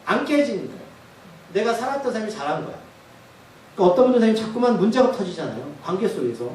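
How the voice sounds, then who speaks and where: A man's voice: high-pitched, big pitch swings, fast talker, a little mellow, a little hiss or hum. A male pastor preaching a sermon, often putting questions to the congregation. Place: church sanctuary. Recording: echoey church hall from far off.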